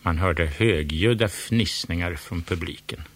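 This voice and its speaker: A man reading a children's storybook aloud with lively, expressive narration. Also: low-pitched, no echo.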